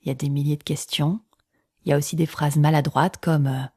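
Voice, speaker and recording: A woman telling an intimate personal story in the first person, using dramatic pauses, sometimes dropping close to a whisper and acting out what others said. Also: sits low, steady tone, mellow, breathy edge, dry recording.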